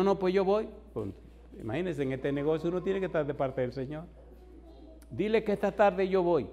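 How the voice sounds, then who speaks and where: A warm, mid-range male voice carries this sermon in a church hall, where a pastor tells an extended story to his audience and acts out the conversations in it.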